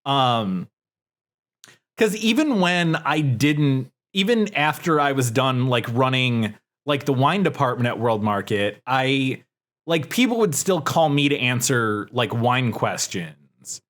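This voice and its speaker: A man's voice: mid-range voice, big pitch swings, slow, fairly bright tone. A man co-hosting a podcast, telling stories in casual chat, rambling and profane with lots of fillers. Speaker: podcast co-host.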